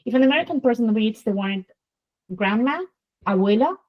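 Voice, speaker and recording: A woman's voice: a little high, expressive, a little fast, highs cut off. A woman with a Spanish accent, a native Spanish speaker hosting an interview, explaining sounds in a lecturing way and demonstrating them aloud. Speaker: host, Spanish teacher.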